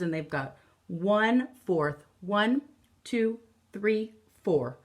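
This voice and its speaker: Recorded in a room at home, this elementary teacher, a woman in her thirties with a medium-pitched voice, reads a picture book to children. She explains the story carefully and puts emphasis on important words.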